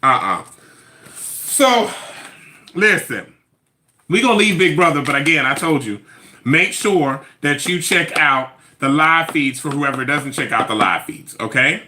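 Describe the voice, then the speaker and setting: A man gives sassy, animated commentary on a reality show, repeating phrases for effect. His voice sits fairly high, with a bright, forceful edge. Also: unhurried, slight background noise. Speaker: reality TV recap vlogger. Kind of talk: casual opinionated commentary.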